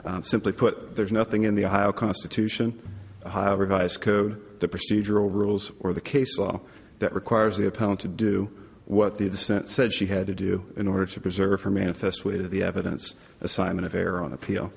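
A man argues a case as a lawyer, formal yet halting. His voice is deep, creaky and husky. It carries the long reverb of a big courtroom. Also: level tone. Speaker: appellate lawyer. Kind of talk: oral argument in court. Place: large courtroom.

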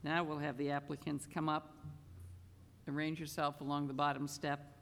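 A woman's voice: low voice, little pitch movement, normal speed, fairly bright tone. A woman presiding as chief justice over a formal ceremony, giving plain, informal directions. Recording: echoey hall, faint noise.

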